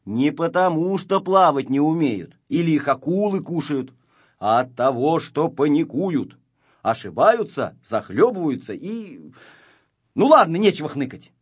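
A man's voice: fairly high pitch, very animated, unhurried, husky, full character voice. A man voicing a cocky, boastful little boy shorty who talks confidently and bossily, on a slightly dull recording. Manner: confident, bossy.

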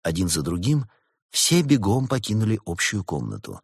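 A man reads a story aloud in a low, husky voice, lively as he tells it. His pitch moves a lot within the telling. The recording is close and dry with no room sound. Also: normal speed, no room sound. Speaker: narrator. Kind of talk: audiobook narration.

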